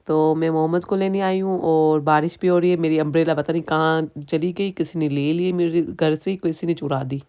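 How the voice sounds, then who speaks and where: A woman in her thirties, a native Sindhi speaker with a Sindhi accent, rambles casually through a home vlog in a low, warm, smooth voice. Her intonation is fairly even and she hardly pauses, chatting with frequent restarts and asides.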